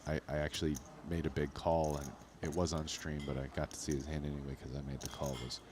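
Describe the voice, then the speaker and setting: A man's voice: a bass voice, little pitch movement, quick pace. A man giving casual, analytical poker commentary as a player, in loose, conversational, hedging phrases. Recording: noticeable background noise.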